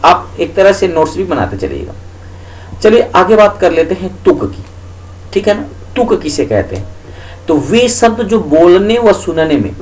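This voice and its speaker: A man's voice: a little high, a little mellow, a little hiss or hum, low-quality recording. A male teacher explaining a lesson for exam students, asking questions and answering them himself and repeating each key point.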